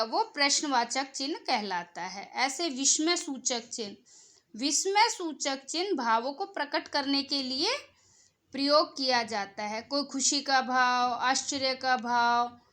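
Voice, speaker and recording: A woman school teacher with a Rajasthani Hindi accent, explaining a grammar lesson to children in a slow teaching manner and stretching out her example sentences. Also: sits high, bright, forceful tone.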